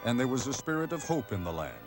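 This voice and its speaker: A man narrating a television news documentary in a measured, solemn scripted delivery. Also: mid-range voice, very animated, music in the background.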